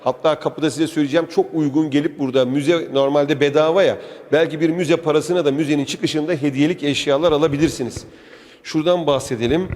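A man's voice: a little high, steady tone, quick pace, a little mellow. A man giving a chatty, enthusiastic walking tour, his voice echoing in an indoor museum hall. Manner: chatty, enthusiastic, addresses the viewer directly. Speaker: travel vlog host touring a museum. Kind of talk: casual walking tour commentary.

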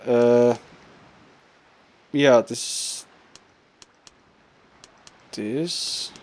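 A man casually commenting on a video game he plays, reading its text quickly and chatting about the quests. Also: medium pitch, a little mellow. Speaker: let's play gamer.

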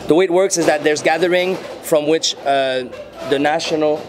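This Quebec French-accented muralist and rapper in his thirties, from French-speaking Canada, has a voice on the high side. He gives casual, unhurried interview answers, reflecting as he searches for words and using frequent fillers. Handheld mics are held near his chin at an indoor venue with a painted backdrop, and light noise sits in the background.

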